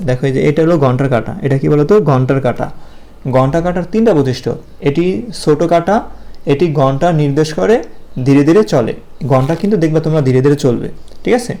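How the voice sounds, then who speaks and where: This video lesson for young pupils comes from a man with a Bangladeshi Bengali accent and a slightly high voice with a dark tone. He explains things slowly and patiently, answering his own questions and filling gaps with many pauses.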